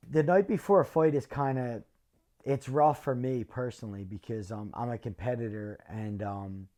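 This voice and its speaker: A middle-aged man from North answers interview questions in a measured, earnest way, pausing often with ums. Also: medium pitch, mellow. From North Philadelphia. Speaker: interviewee, former fighter.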